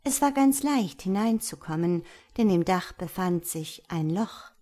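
A woman narrating a fairy tale aloud in slow, deliberate storytelling. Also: on the low side, expressive, dark tone. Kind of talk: audiobook fairy tale reading.

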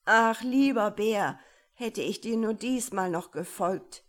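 A young prince from a storybook tale, begging desperately in a high, strained voice, as a woman narrator puts him on. The lines come slowly and loud. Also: lightly acted. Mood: pleading.

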